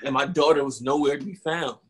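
A man acting Kari, a frightened parent searching for a lost daughter, recounting the experience slowly and with a haunted tone, in an amateur videoplay recorded over a video call. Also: on the high side, husky.

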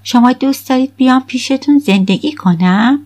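An eager teenage girl, as a woman reading the audiobook puts her on, her voice lifted well above the reader's own. The tone stays husky and a touch louder. Restless and spirited, she comes out quick. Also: high voice, pitched above the performer's own voice. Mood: pleading.

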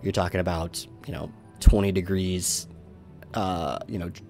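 Low-voiced man running a tabletop game. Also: normal speed, creaky, faint music behind. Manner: relaxed, filler-laden. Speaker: game master.

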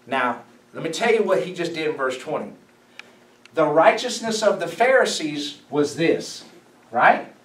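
A man preaching as a pastor, emphatic and animated, asking his listeners questions as he teaches. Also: fairly high pitch, a little slow. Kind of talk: sermon, Bible study teaching. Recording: echoey room, mic at a distance.

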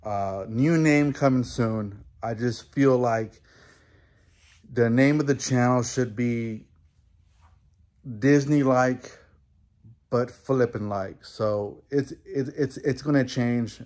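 A man in his thirties or forties talks casually and haltingly as a vlog host, recorded in his garage during a thunderstorm. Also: medium pitch, a little mellow. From Houston, Texas. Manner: halting, unscripted delivery. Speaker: host of a toy reselling channel. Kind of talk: casual vlog, showing clearance finds. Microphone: phone at arm's length, handheld camera. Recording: faint-to-clear background noise in garage. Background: rain and thunder noise, clicks.

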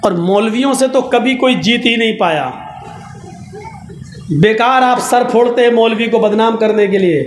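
A man preaches with lively, joking storytelling and a very high voice that often climbs to shouting. The sound is roomy and echoing, as if carried over a loudspeaker. A faint hiss lies behind it. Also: unhurried. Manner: animated, jokey storytelling that builds to shouting. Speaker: Islamic preacher. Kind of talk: humorous storytelling sermon. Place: large outdoor gathering. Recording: echoey loudspeaker in a big space.

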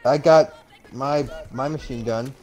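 A man's voice: medium pitch, a little slow, a little mellow, low-quality recording. A man playing a co-op game, muttering and exasperated as he talks through the action. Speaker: co-op gaming partner. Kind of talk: casual gameplay commentary.

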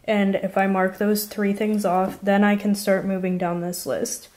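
A woman's voice: mid-range voice, level tone, unhurried, darkish tone. A woman in her twenties chatting casually to the camera in a study vlog, filling her talk with "like" and "um". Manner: chatty, uses lots of "like" and "um". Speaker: vlogger studying for a medical school entrance exam. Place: apartment living room, indoors.

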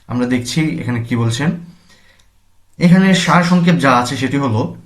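A man from Bangladesh teaching a language lesson, slowly saying each word and then its meaning, repeating terms for his students. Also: medium pitch. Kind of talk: classroom lesson explanation.

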